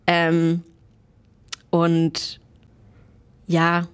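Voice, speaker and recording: A woman's voice: on the low side, monotone, very slow, clear, resonant tone. A young woman, chatting as an interview guest and mixing in English phrases. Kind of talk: casual interview chat.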